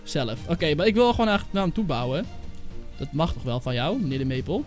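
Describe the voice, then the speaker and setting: A young man giving casual, rambling commentary on his own gameplay as a gaming channel host, and he gets excitable and shouts at rivals. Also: on the high side, fast, faint music behind. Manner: excitable, shouts and yells when angry at hackers; casual, rambling, with many fillers. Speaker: gaming YouTuber. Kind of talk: live Minecraft gameplay commentary.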